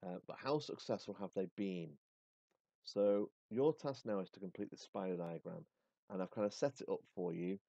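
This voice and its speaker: A man's voice: low-pitched, moderate pace, gravelly, mellow, dry recording, muffled recording. A male teacher reading a story aloud expressively, then setting a task casually with fillers.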